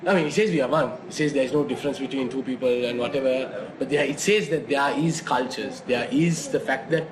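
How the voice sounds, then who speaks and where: A man's voice: mid-range voice, a little fast, a crowd in the background. A man from Saudi Arabia hosting a casual conversation, rambling with many fillers and restarts. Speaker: host. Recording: noisy background.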